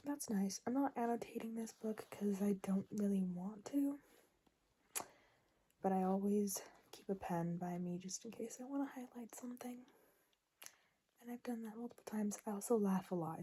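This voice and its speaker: A young woman vlogging from bed at midnight, talking in a hushed, chatty whisper full of fillers. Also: mid-range voice, moderate pace, pauses often, a little hiss or hum. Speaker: book vlogger. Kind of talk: late-night casual vlog. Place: in bed at night.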